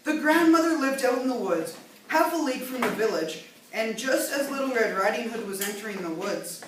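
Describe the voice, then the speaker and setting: A woman narrating a fairy tale aloud in an expressive storytelling manner. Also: on the high side, fairly quick. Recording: echoey room, mic far off, faint hiss.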